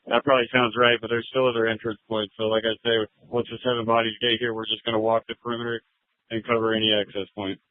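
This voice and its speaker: A man's voice: mid-range voice, flat delivery, fast, dry recording. A male police officer talking in clipped, informal procedure over police radio on a narrowband scanner feed.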